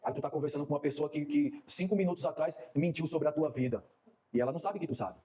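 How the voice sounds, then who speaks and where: Fast, high-voiced preacher man. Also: a little hiss or hum. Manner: animated preaching with quoted dialogue. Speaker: pastor. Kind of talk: sermon.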